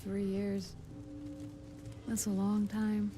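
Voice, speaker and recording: A woman voicing an aloof, teasing young woman companion in a video game, with a soft, cool, insinuating voice. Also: medium pitch, completely flat delivery, extremely slow. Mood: coolly teasing. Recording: game audio with music behind.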